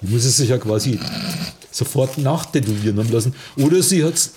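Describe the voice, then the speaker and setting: A man's voice: medium pitch, a little fast, background noise. Playful rambling man chatting casually. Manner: playful, rambling, joking asides. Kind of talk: casual chat.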